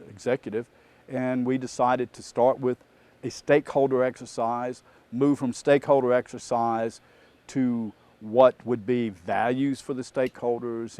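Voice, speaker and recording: A man's voice: medium pitch, dry recording. Storytelling man, dry close sound. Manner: anecdotal, animated storyteller with fillers. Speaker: audit trainer. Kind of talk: storytelling talk.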